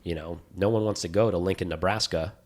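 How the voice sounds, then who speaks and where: A man with a low, fast voice co-hosts a podcast, chatting casually. He's enthusiastic and rambling, telling stories in an animated way.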